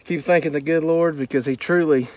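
A man's voice: a little high, fairly even intonation, a little fast, a little mellow. A man hosting a relic-hunting vlog, talking earnestly to viewers as he digs outdoors. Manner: talks to viewers while digging, earnest and devout. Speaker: relic hunter, channel host. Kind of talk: casual outdoor dig vlog narration. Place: outdoors in the woods or fields.

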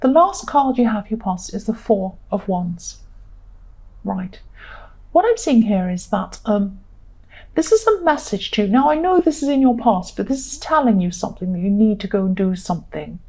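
A woman gives a conversational tarot reading, speaking directly to the listener, reassuring them and repeating her points often. Her mid-range voice is sing-song and darkish in tone, delivered at a moderate pace on a rough recording.

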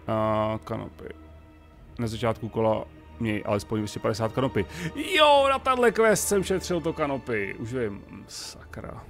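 A man's voice: lowish voice, expressive, a bit bright, faint music behind. A Czech man casually commenting on a strategy game, thinking aloud and talking to the characters on screen. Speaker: gaming let's-player.

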